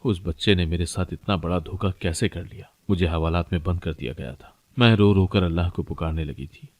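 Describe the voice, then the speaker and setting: Deep-voiced male storyteller. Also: darkish tone, dry recording. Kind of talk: scripted narration of a moral story.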